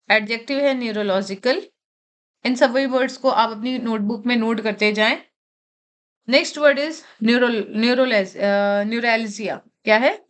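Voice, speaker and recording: A woman with a slightly high voice teaching word roots in an exam-prep lecture. She talks in Hindi full of English terms, says each key word twice, and keeps asking questions and answering them herself. The delivery is steady and explanatory. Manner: explains slowly, repeats key words, asks and answers own questions.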